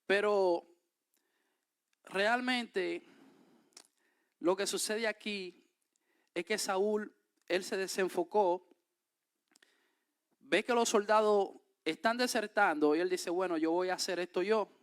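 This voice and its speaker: A Dominican preacher with a Dominican Spanish accent reads from scripture before explaining it, his voice rising emphatically. He speaks slowly, leaving long pauses, in a high-pitched, clear, resonant voice.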